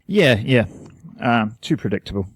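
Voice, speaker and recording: A man's voice: medium pitch, lively intonation, moderate pace, dry recording. Earnest rambling New Zealand podcast man. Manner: earnest, rambling, self-deprecating. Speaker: podcast co-host. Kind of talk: casual chat.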